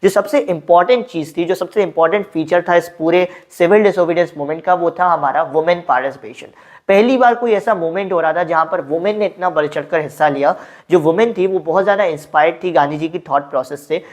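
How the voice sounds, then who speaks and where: Woman teacher, deep voice, mix, lesson with rhetorical questions. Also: fast, a little mellow. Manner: explains with frequent rhetorical questions. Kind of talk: exam-prep history lesson.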